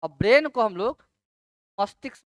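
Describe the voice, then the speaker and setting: A woman teacher giving an exam-prep science lecture. She repeats key terms slowly, syllable by syllable, and asks rhetorical check questions. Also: a little high, expressive, no room sound.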